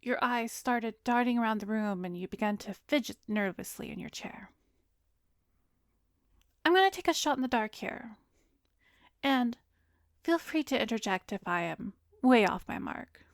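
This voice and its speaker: Speaking straight to the listener, a woman acts as a calm, soothing therapist in ASMR roleplay, though the character is secretly an arrogant vampire. Her fairly high, expressive voice stays gentle, measured and professional, drifting often into breathy whispers with a probing, insinuating edge. It's captured dry on a close studio microphone.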